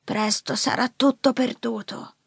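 A woman doing a frail gravelly old grandfather. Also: on the high side, fairly even intonation, dry recording, pitched above the performer's own voice, heavily acted. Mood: urgent pleading. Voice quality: gravelly, breathy, halting. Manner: slow pleading warnings. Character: frail old grandfather after a stroke, urgent. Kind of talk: audiobook character voice. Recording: dry close studio mic.

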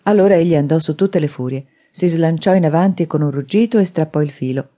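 A woman reading a thriller audiobook with dramatic, steady storytelling. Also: sits low, brisk. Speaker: audiobook narrator. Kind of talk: scripted narration.

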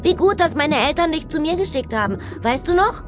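A cheeky little mermaid girl chatters in a very high, giddy voice that jumps all over the place. Her words tumble out full of mischief, and soft music plays behind her. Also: lively intonation, fairly quick. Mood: tender. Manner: high, bubbly and exuberant.

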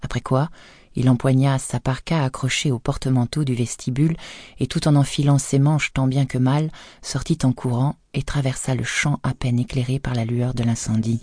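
A woman reads a thriller audiobook in a measured, even storytelling manner. Her voice has a mellow, dark color. It is recorded close and dry on a studio microphone. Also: very deep voice, no room sound. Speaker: audiobook narrator. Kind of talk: scripted audiobook narration.

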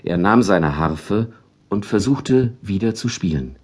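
A man narrating a children's story with a lively, expressive delivery. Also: on the low side, slow pace. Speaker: audiobook narrator.

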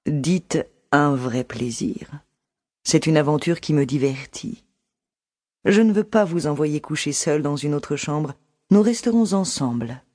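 Ardent countess, low husky voice, drawls intimately, domineering. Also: female voice, animated, unhurried, a little mellow. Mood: coaxing. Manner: coaxing, intimate, possessive. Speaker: audiobook voice actor. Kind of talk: audiobook drama acting.

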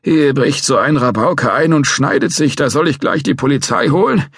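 A testy old security guard shouts in a thin, high, querulous voice. He is suspicious and doddering, and his speech is husky and close with no room around it. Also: normal speed, no echo. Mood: grumbling.

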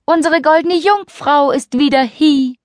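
Shrill, high crowing storybook rooster. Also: female voice, unhurried, dry recording, studio quality. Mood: triumphant. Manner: shrill, proclaiming. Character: crowing rooster announcing loudly in a fairy tale. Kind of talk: fairy tale narration, character voice.

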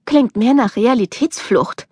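A woman's voice: on the high side, animated, unhurried, darkish tone, husky, no echo, voice pushed up. A woman reading a wry young woman student. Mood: teasing. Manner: wry, teasing. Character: sharp-tongued young woman student, idealistic.

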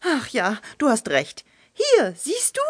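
A woman's voice: high-pitched, wildly swooping pitch, slightly rough, no room sound, clean studio sound, full character voice. A woman playing a patient, know-it-all storybook hen. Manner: gently correcting, soothing, unhurried.

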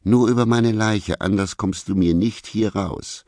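A man voicing a shrill, furious woman who screeches accusations at her partner in an audiobook. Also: unhurried, darkish tone, no echo, studio quality, lightly acted. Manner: screeching, hysterical. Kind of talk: audiobook character voice.

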